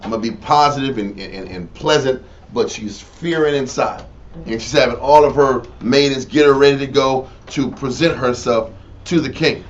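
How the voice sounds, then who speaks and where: A man leads a casual Bible study, animated and slangy, acting out the scenes as he goes. His mid-range voice moves at a moderate pace, captured in a distant lo-fi room recording with faint noise.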